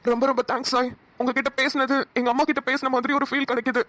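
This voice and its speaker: A woman's voice: sits high, level tone, quick pace, fairly bright tone, no room sound. A woman voicing a sad, lonely young man who is a caring brother, speaking in a mournful way in a cartoon. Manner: mournful, heavy-hearted delivery. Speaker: cartoon voice actor. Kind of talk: Tamil cartoon dialogue.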